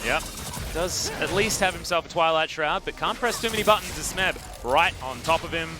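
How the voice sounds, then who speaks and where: A man with an Australian accent calling esports play-by-play, excitable and jokey. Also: fairly high pitch, over music. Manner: excitable, jokey, fast bursts of rising calls. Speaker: esports caster. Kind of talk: play-by-play commentary.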